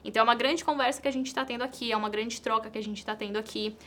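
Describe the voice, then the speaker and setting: A woman's voice: on the high side, fairly even intonation, racing, a bit bright. A woman from Brazil, an entrepreneur and content creator answering interview questions in an earnest way, repeating key phrases for emphasis.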